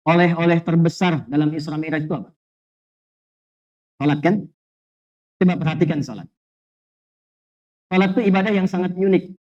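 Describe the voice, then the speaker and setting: A man preaching a lively sermon to a congregation, telling humorous stories, asking rhetorical questions, and weaving in Arabic phrases. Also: high voice. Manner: animated storytelling with jokes and rhetorical questions. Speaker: Islamic preacher. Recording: dull lo-fi sound.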